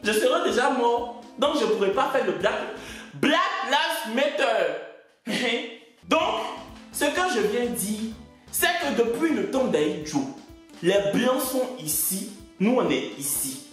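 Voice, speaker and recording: Woman comic, slow and lively, theatrical repeats, very echoey room. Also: fairly high pitch. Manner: emphatic, theatrical, repeats phrases for effect. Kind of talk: comic vlog monologue. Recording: echoey room with faint music.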